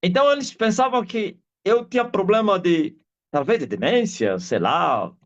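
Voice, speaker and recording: Man, Angolan Portuguese accent, middle-aged, lively animated preacher, dull lo-fi call audio. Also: sits high, moderate pace. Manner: animated storyteller, acts out quoted voices and shouts. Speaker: apostle preaching a testimony. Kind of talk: testimony sermon on a live video call. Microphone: video call audio.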